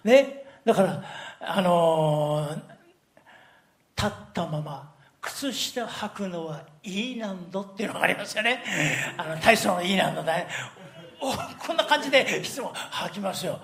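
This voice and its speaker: An older male pastor delivers a sermon through lively storytelling, his voice swinging widely in pitch. He laughs often while he talks and keeps the congregation engaged. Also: normal speed, creaky.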